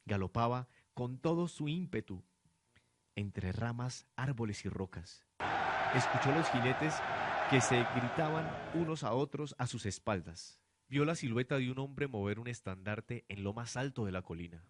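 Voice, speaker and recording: A young adult man reads dramatic scripted narration for a radio drama in a noisy amateur student production. His voice is medium in pitch, with lively intonation and a moderate pace.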